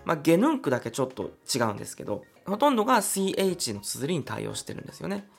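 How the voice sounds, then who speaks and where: A man's voice: on the high side, huge pitch swings, fast, vocal fry, husky, soft background music. A man hosting a solo podcast, chatty and explaining things step by step. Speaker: podcast host.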